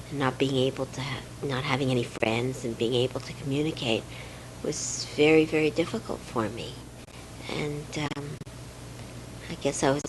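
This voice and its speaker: Soft-spoken older woman, hesitant and reflective. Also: extremely low pitch, background noise. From Romania. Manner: hesitant, many fillers, soft trailing words. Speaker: interviewee. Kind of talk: reflective home interview.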